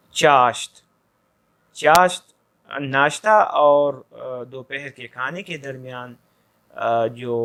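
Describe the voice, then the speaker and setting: A man teaching a language lesson, saying each word slowly and then explaining its meaning, with frequent hesitations. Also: mid-range voice, fairly bright tone. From Pakistan. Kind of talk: classroom lecture.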